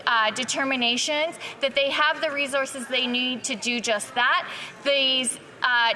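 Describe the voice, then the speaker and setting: A woman's voice: high-pitched, pushed and bright. A Canadian woman giving a formal, combative government reply in parliamentary debate. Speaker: parliamentary secretary answering for government.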